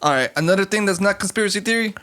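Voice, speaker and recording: A man co-hosting a podcast in casual chat, relaxed and quick to laugh, but firm when he makes a point. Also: high-pitched. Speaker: podcast co-host.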